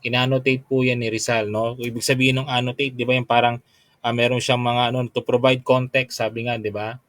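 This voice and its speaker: This online review lecture features a young adult Filipino man preparing students for a licensure exam; his mid-range voice is level, fairly bright and fairly quick, with no echo. He reads quiz questions aloud and follows up by quizzing listeners with many tag questions, courteously mixing Tagalog and English.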